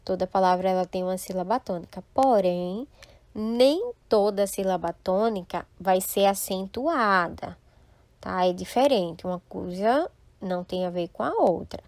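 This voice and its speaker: A woman teacher walks a class through a lesson at an unhurried pace. She explains each point patiently and keeps checking that her students follow. Her voice sounds dry and close, with no echo. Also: mid-range voice, lively intonation, a little mellow. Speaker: Spanish teacher. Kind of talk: recorded online class.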